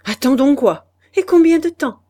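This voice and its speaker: A woman's voice: fairly high pitch, a little slow, a little mellow, pitched above the performer's own voice, close to an everyday voice. A woman voicing a desperate young wife in an audiobook, reading her lines with strong emotion, pleading and harsh by turns.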